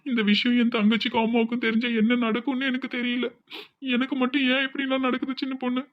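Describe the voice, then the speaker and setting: A man's voice: very high-pitched, completely flat delivery, quick pace, dry recording, dull audio. A man voicing a distraught young village man with a Tirunelveli accent, talking in an anxious, pleading, tearful way in a cartoon. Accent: Tirunelveli Tamil.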